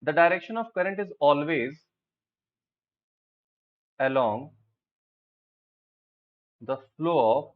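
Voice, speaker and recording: A physics teacher with an Indian accent, explaining things step by step and checking in with his students by asking them questions. He talks slowly and deliberately in a slightly high voice. The recording sounds dull and lo-fi. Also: animated. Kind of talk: classroom lecture, Hindi-English mix.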